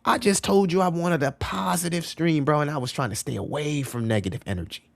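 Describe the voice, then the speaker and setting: A man's voice: a little high, brisk, creaky. A man hosting a casual live stream, talking in a loose, slangy and repetitive way and answering chat messages as he reads them. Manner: loose, slangy and repetitive, often calling out "bro". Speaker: crypto livestream host.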